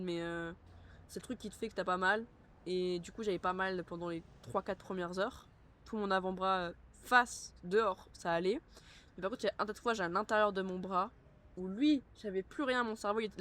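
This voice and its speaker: A woman streamer with a bright, forceful voice chats loosely with her viewers while she plays. She talks straight to chat and keeps tipping into playful, squealing panic, with a faint hiss of noise behind her at home. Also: medium pitch. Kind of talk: casual live-stream chat while gaming.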